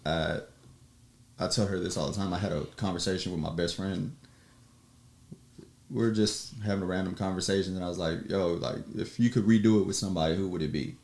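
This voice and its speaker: A low-pitched man talks as a podcast guest in a loose, conversational way. He tells his story with energy, slipping into quoted voices and breaking into laughter. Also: brisk, vocal fry. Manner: animated storyteller, acts out quotes, laughs often. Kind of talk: casual storytelling chat.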